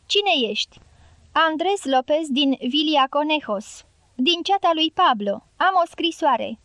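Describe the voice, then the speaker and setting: Andres, a woman shouting as a desperate guerrilla. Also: high voice, expressive, no room sound, voice pushed up. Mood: pleading shouts. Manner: pleading, shouting. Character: desperate young male guerrilla shouting at night.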